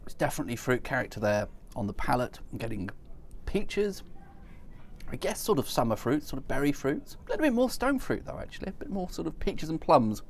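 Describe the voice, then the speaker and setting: A man's voice: medium pitch, very animated, brisk, a little hiss or hum. A man giving casual, sommelier-like wine tasting commentary in a thoughtful, descriptive way. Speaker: wine reviewer.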